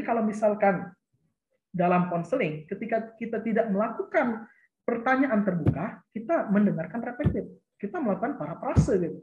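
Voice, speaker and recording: Woman lecturing counselors, roomy lo-fi sound. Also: on the high side. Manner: explanatory, repeating points with tag words. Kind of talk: educational talk to school counselors. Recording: roomy, dull lo-fi recording.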